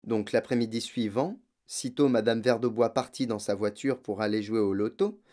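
A man reading a children's novel aloud as an audiobook, in measured, expressive narration. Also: on the low side. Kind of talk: scripted narration.

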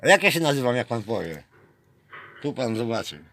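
A man's voice: mid-range voice, very animated, no room sound. A man filming himself while mockingly bantering with a police officer outside a station at night, teasing and theatrical, calling out names. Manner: teasing, theatrical, calls out names in drawn-out shouts. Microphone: handheld camera.

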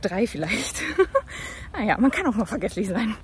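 A young woman chatting on camera in a bubbly, excitable way while out on the street. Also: mid-range voice, moderate pace, noisy background. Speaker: vlogger. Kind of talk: casual chat on camera.

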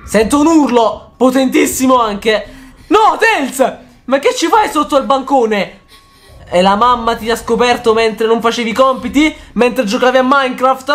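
High-voiced guy doing reaction vid, super excitable, yells a lot, some faint music behind. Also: normal speed. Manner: excitable, jokey, bursts into shouted reactions. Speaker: YouTuber host. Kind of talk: reaction video commentary.

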